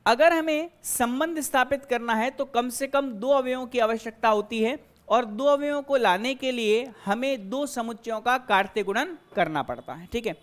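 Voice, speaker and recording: A woman with a fairly high voice teaches a math lesson. She explains each step slowly and keeps asking her own questions, then answering them. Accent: Hindi-speaking Indian. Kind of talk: classroom lecture.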